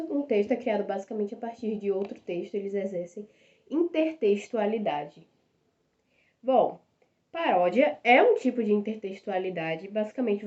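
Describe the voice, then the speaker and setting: A young Brazilian woman teaching a casual language lesson with a mellow, warm tone. She explains things step by step and often checks in with tag questions. The recording sounds dull and lo-fi. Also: mid-range voice. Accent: Brazilian Portuguese. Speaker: Portuguese language tutor.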